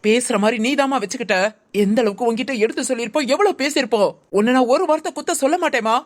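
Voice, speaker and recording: Stern woman lecturing a friend, quick and high-pitched, acted by a woman. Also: natural voice. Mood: reproachful. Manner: reproachful, lecturing.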